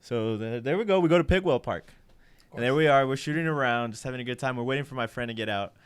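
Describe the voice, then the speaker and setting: A man's voice: mid-range voice, quick pace, clean tone. Profane, laughing young man telling a story. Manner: animated, profane, laughs through his own story. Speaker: podcast co-host. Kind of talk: casual storytelling chat.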